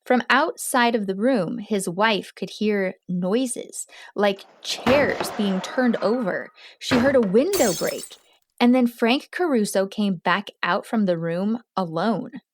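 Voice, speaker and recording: A woman hosting a podcast, reading a true crime story in a measured, steady way. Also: mid-range voice, no echo. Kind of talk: scripted true crime narration.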